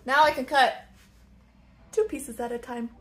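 A woodworking instructor in her thirties gives an upbeat, chatty step-by-step tutorial in her shop, filmed on a phone held at arm's length. Her high-pitched voice is steady and her pace measured, and she laughs at her own slips.

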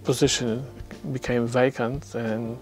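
Older Polish-accented man, measured speech. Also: mid-range voice, little pitch movement, soft background music. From Poland. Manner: plain, measured, slightly halting English. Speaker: senior radio technician. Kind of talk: documentary interview. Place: radio studio.

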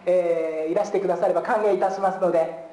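A male pastor giving a sermon at a pulpit, filling pauses with a drawn-out "ee" and slipping in light jokes. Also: sits high, steady tone, dark tone. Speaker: guest pastor. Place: church sanctuary. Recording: roomy church live stream.

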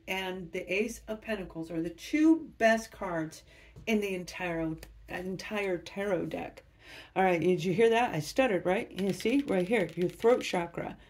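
Addressing her viewers directly, a woman with a lowish, darkish voice delivers a tarot reading on camera with upbeat enthusiasm.

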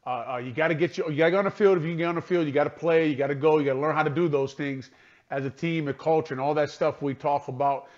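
A man's voice: fairly high pitch, steady tone, fast. Frustrated male radio analyst on a dull line. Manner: frustrated, repetitive, restarts often. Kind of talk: postgame radio talk.

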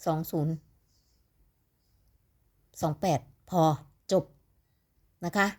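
A woman with an Isan accent from northeastern Thailand, chatting casually and ramblingly to her viewers as she tips lottery numbers, sounding sleepy. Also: drawn-out words. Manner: chatty, rambling, calls viewers "little siblings".

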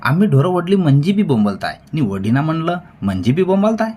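A man's voice: on the high side, very animated, fairly quick, pitched above the performer's own voice. Defiant village laborer, voiced by a man. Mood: rising. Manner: bold, sharp, retorting.

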